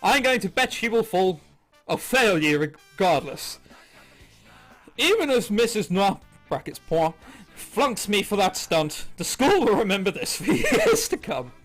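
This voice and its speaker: Reading a visual novel aloud at a measured pace, this gaming host has a high, sing-song, slightly bright voice and peppers the text with amused, sarcastic, sweary asides over the game's soundtrack music.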